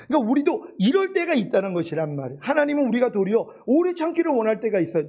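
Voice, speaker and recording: A man's voice: high-pitched, a little mellow. A male pastor preaching a sermon in a conversational way, full of rhetorical questions.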